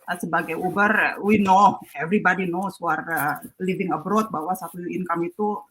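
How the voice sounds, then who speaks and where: A woman's voice: on the low side, steady tone, normal speed, a bit bright, husky. A woman hosting an online talk, friendly and mixing English phrases into her speech over a video call. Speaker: host.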